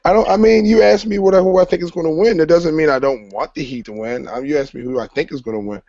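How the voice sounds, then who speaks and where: A man's voice: fairly high pitch, quick pace, creaky, warm tone, no echo. Laid-back man arguing sports picks. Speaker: co-host. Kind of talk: casual sports talk. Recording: dull lo-fi recording.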